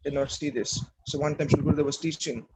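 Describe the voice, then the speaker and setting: A man giving a devotional talk and telling a story, speaking haltingly and often repeating words as he searches for his phrasing. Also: on the high side, fairly even intonation, a little mellow, slightly rough, low-quality recording. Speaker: speaker at a temple class.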